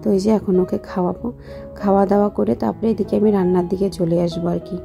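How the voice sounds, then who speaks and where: Woman, young adult, soft-spoken voice-over, just woken up, heavy vocal fry, flat delivery. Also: medium pitch, faint music behind. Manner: speaks softly and slowly, just woken up. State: low on voice after waking. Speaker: vlogger. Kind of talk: daily life voice-over narration.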